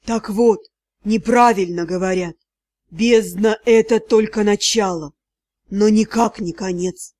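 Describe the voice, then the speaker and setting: A woman voicing a strange, mournful male god of the sea depths who asks blunt, flat questions in a lowered voice. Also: a little slow, no room sound, close to an everyday voice. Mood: deadpan.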